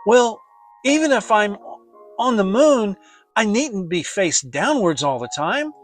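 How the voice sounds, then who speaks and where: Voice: medium pitch, very animated, takes it slowly, soft background music, voice pushed up. A performer voicing a small, anxious, eager piglet in a children's storybook, fretful and earnest with a stammer. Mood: puzzled.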